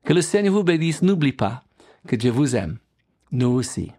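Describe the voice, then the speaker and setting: A man's voice: medium pitch, big pitch swings, moderate pace, dark tone. A middle-aged male pastor preaching a sermon, quoting scripture and asking the congregation questions.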